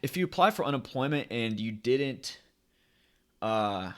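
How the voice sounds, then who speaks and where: A man's voice: mid-range voice, expressive, measured pace, a bit bright, smooth. A man hosting a casual commentary vlog, talking emphatically and repeating his key points like a preacher. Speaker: crypto YouTube host.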